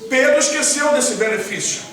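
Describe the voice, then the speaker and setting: Pastor, high voice, chatty preaching, very echoey hall, far from mic. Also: male voice, lively intonation, moderate pace, fairly bright tone. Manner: conversational preaching, quizzing the congregation. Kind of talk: sermon. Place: church hall with congregation.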